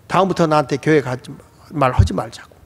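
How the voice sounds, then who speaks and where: A woman's voice: low-pitched, fairly quick. A male preacher voicing a young adult daughter who scolds with bitter resentment, in an echoey hall. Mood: angry.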